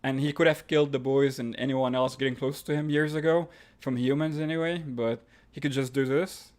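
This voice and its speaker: Speaking at a medium pitch with fairly even intonation, this man talks a little fast in a darkish tone. He's from Egypt, has an Egyptian accent, and hosts a live stream where he reads out viewers' questions and tosses off answers, full of fillers and false starts.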